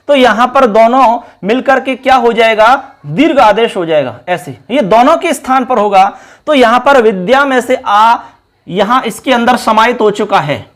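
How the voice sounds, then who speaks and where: Man teaching grammar step by step. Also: high voice. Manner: explains step by step, repeating key terms; addresses viewers as friends. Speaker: Sanskrit teacher. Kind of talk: classroom lesson at a board.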